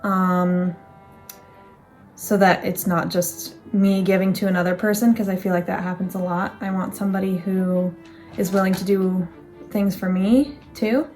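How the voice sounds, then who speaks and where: A woman's voice: medium pitch, steady tone, normal speed, darkish tone, soft background music. A young woman in casual chat, thinking aloud in a reflective, rambling way with restarts. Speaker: co-host.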